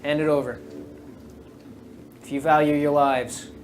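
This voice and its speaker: A man voicing a commanding, menacing stranger with a slightly raspy voice, making curt, threatening demands in a tabletop game. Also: fairly high pitch, flat delivery, a little slow, slight background noise, lightly acted.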